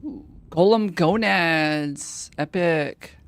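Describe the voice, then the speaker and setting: A streamer casually chatting and joking with friends while playing a game. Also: male voice, on the high side, very slow, smooth. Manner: playful, repeats words while playing. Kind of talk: casual gaming chat.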